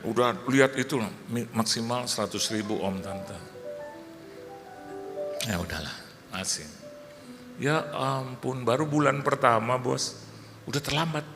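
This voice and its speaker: A man's voice: medium pitch, measured pace, pauses often, over music. A man preaching a sermon as a pastor, telling humorous anecdotes and acting out dialogue. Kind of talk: sermon storytelling. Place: church hall. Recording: church hall reverb, faint ambience.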